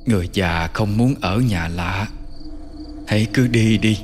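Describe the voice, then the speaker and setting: A man voicing a poor, weary old mother in a forest hut, speaking low and quietly in a folk tale. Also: unhurried, faint music behind, lightly acted.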